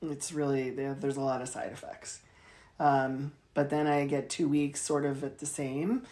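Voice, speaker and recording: Low-voiced woman chatting candidly. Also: little pitch movement, normal speed, dark tone. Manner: candid, wry, laughs easily. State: in chemotherapy treatment. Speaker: podcast co-host. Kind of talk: casual chat.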